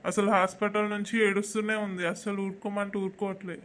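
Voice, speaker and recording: A man with a Telangana accent playing a weary young village husband who speaks quietly. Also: sits high, little pitch movement, fast, a little hiss or hum. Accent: Telangana Telugu. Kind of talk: village comedy skit acting.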